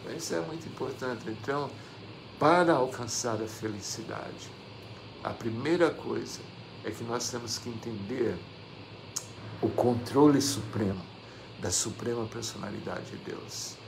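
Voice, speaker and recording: Brazilian man, religious teacher giving scripture commentary, gravelly voice, noisy room tone behind him. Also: mid-range voice, unhurried. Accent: Brazilian Portuguese. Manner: repeats phrases, asks rhetorical "não é?". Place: devotional center hall.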